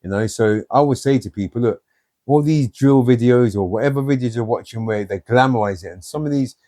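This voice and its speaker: A man's voice: mid-range voice, a little fast, warm tone, no room sound, studio quality. A man telling blunt, streetwise stories from his own life in an interview. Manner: blunt, streetwise storytelling with many "you know"s. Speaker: guest.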